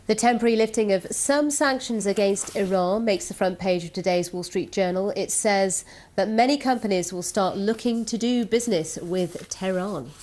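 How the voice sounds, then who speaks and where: Woman co-anchor, mid-pitched, even deliberate headline read. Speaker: co-presenter reviewing papers. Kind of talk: broadcast news reading. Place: TV news studio.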